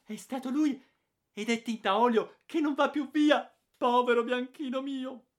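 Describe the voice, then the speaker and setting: A man voicing a shrill, spiteful elderly aunt who scolds a boy in an audiobook. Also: moderate pace. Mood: scolding. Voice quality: shrill, trembling with anger.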